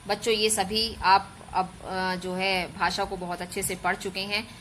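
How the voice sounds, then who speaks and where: A woman teacher talks her pupils through a grammar lesson at an even, patient pace. She breaks each point into small steps, calls the listeners children and draws out single sounds as examples. A faint hiss sits under her voice. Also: medium pitch, a little slow, rough recording. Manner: patient, explains step by step, stretches out sounds as examples. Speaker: school teacher. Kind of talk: online Hindi grammar lesson.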